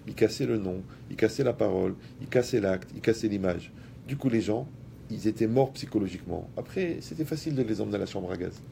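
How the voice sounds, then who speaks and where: A man giving a lively talk to an audience. He speaks colloquially, addresses the listeners directly and uses everyday examples. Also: fairly low pitch, fast talker, gravelly, slight background noise.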